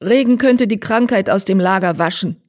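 A man's voice: high voice, moderate pace, voice pushed up, natural voice. A man reading a storybook, voicing an eager, hopeful young male warrior cat.

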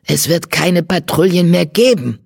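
A reader voicing an old, stern tabby tomcat who leads his tribe, speaking in a hoarse croak. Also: mid-range voice, expressive, unhurried, dry recording, clean studio sound, full character voice. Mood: angry, stern. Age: older.

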